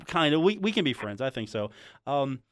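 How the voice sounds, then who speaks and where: A man's voice: medium pitch, big pitch swings, brisk, fairly bright tone, no echo, studio quality. A man hosting a sports radio show, bantering in a joking way with lots of stammered restarts.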